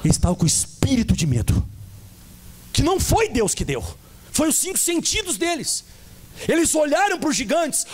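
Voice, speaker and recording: A man with a Brazilian Portuguese accent, a pastor preaching a sermon at a church service and firing questions at the congregation. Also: very high-pitched. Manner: animated preaching, quizzing the congregation.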